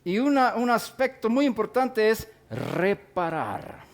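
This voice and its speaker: High, lively middle-aged male Bible teacher. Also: gravelly, slight background noise. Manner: deliberate, stops to define and repeat key words. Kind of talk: sermon-style teaching.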